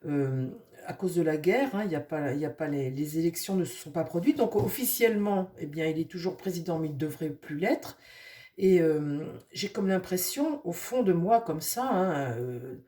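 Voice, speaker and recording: Nasal from a cold, a deep-voiced woman reads tarot for her viewers at a normal speed, her intonation lively. She rambles casually with lots of fillers and speaks softly to her cards.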